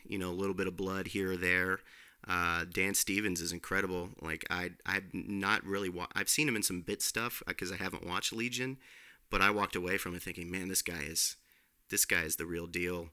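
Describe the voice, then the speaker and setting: A man co-hosts a casual film podcast, rambling with fillers and restarts. His voice is bright and crisp, and sits a bit low. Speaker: podcast co-host, film reviewer. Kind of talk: casual film review chat.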